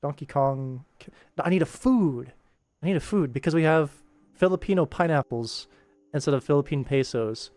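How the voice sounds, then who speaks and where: This man talks to himself while streaming animation work, rambling and muttering casually as he thinks aloud, with game soundtrack music playing behind his voice. He's fairly high-pitched, expressive, and a little mellow at a moderate pace, on a dry recording.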